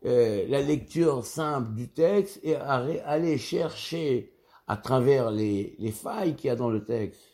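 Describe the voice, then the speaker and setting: A man giving a religious text lesson as a Torah teacher, explaining in a measured way and repeating key words to drive points home. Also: medium pitch, mellow.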